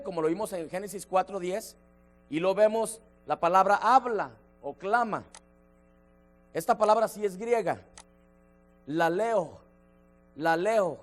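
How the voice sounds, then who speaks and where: A man leading a church Bible study, emphatic, slowing down to stress key words and addressing listeners by name. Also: sits high. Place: church sanctuary.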